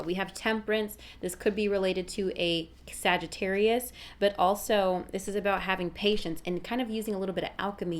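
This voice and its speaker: A woman giving a casual fortune-telling tarot reading, speaking familiarly and directly to the listener with emphatic advice, with street noise behind her. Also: medium pitch. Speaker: tarot reader, fortune teller. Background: rush-hour street noise.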